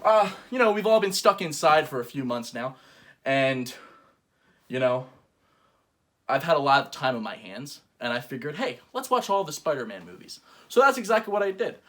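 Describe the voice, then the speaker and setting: Male comedy host ranting from his bedroom, bright and forceful, excitable delivery. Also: on the high side, moderate pace. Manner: excitable mock rants that swing from mumbling to yelling. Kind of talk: comedic home-made talk show. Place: bedroom at home.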